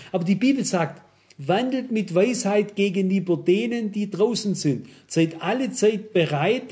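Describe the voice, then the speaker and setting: A man's voice: high-pitched, warm tone. A man preaching a sermon, reasoning with examples, reading Bible verses aloud and often asking the congregation "wisst ihr?". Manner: measured, cautious reasoning with examples.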